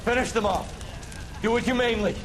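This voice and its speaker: A man's voice: extremely high pitch, brisk. A man playing an urgent, strained former Marine lieutenant turned detective in a video game. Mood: commanding. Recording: game audio with very loud background noise.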